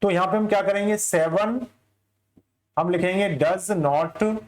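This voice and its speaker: High-voiced maths teacher, echoey room. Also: male voice, fairly even intonation, unhurried. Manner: explains step by step, asks and answers his own questions. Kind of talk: classroom lecture.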